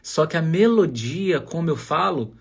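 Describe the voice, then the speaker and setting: A man's voice: on the high side, lively intonation, a little slow, vocal fry, slightly rough. A Brazilian man from Bahia with a Bahian accent, teaching German pronunciation in a chatty online lesson and modeling sounds aloud. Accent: Bahian Brazilian Portuguese.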